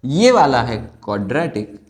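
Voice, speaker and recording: A man's voice: medium pitch, big pitch swings, normal speed. A young man from India teaching maths in a casual, playful way, posing questions and answering them himself. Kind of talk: casual classroom explanation.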